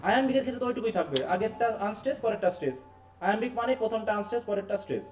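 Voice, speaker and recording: Fast-talking Bangladeshi man teaching. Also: high voice, expressive. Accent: Bangladeshi Bengali. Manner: quizzing students, repetitive explaining. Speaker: English teacher. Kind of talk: live online class.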